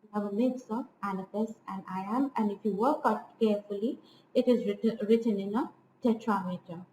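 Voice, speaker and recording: A woman's voice: medium pitch, moderate pace, dark tone, reverberant, a little hiss or hum, low-quality recording. A woman giving an informal literature lecture on a poem, explaining patiently and often checking in with her listeners. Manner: explanatory, frequent restarts and "right?" checks. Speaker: literature teacher.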